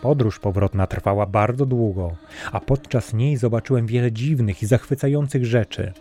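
A man reading a fairy tale as scripted storybook narration, calm and even. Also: medium pitch, normal speed, faint music behind. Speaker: audiobook narrator.

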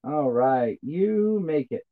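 A man running a tabletop role-playing game as game master, calling rolls in a relaxed, matter-of-fact way. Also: a little high, slow, narrow, tinny audio.

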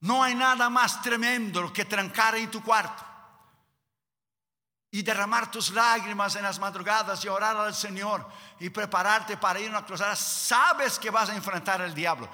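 Man, preacher, sermon, emphatic and repetitive, very bright tone, long hall reverb. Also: high voice, normal speed.

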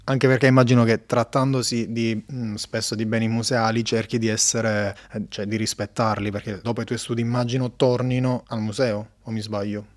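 A man's voice: medium pitch, level tone, normal speed, hardly any pauses. A man hosting an interview, asking polite, structured questions. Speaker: host, interviewer.

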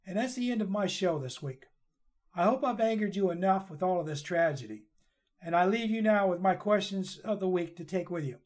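A man hosting a podcast, talking through news stories in an earnest, halting way with restarts, then reading a poem. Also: sits high, animated, a little mellow. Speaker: podcast host and storyteller.

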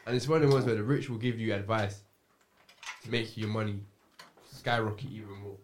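A man's voice: fairly low pitch, brisk, slight background noise. A man with a London roadman accent and street slang, chatting casually on a podcast.

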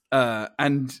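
A man's voice: mid-range voice, a bit bright, no echo, clean studio sound. A man co-hosting a podcast in casual chat, rambling and laughing often as he explains things. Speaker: podcast co-host.

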